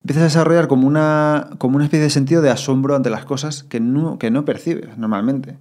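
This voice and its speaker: A man with a Spain Spanish accent, talking casually as a podcast guest and acting out his own thoughts. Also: medium pitch. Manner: fast, animated, acts out inner thoughts in quotes.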